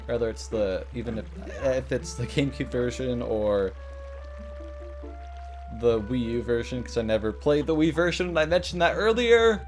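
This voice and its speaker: A man's voice: mid-range voice, animated, faint music behind. A man hosting a let's play with casual, rambling, self-deprecating gameplay commentary. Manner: rambling, self-deprecating, halting when reading.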